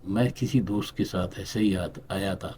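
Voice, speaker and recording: A middle-aged man from Balochistan, a writer and actor, telling anecdotes in an unhurried interview style with pauses, acting out other people's lines. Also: low voice, a little mellow, slight background noise. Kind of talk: relaxed interview storytelling.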